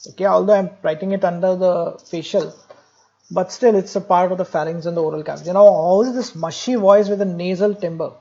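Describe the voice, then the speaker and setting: High-voiced, male medical lecturer. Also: creaky, dark tone, muffled recording. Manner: jokey, explanatory, repeats key points. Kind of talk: classroom lecture.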